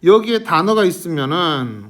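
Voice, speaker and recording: A male teacher lectures a middle school class, firing questions at his students to keep them engaged. His voice sits high and swings widely in pitch. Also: moderate pace. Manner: lively, questioning students constantly.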